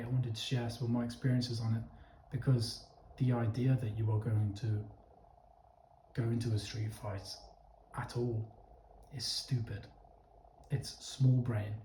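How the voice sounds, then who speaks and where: Against a little hiss or hum, a young man with a mellow, medium-pitched voice offers his viewers a casual opinion piece. He's emphatic, blunt and sweary, addressing them directly and checking in again and again with "okay?". The recording sounds roomy and echoey.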